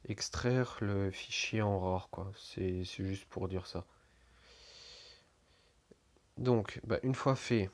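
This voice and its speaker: Young guy, lowish voice, laid-back how-to narration, rambling and full of filler words, swears now and then. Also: a little mellow. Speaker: tutorial maker. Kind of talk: casual screen-recording tutorial.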